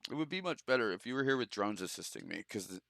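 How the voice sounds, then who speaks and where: A man's voice: fairly low pitch, animated, fast talker, gravelly, a bit bright. Laid-back profane streamer guy. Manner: loose, profane, laughs a lot, bro talk. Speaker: streamer hosting a game show. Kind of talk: casual gaming stream chat.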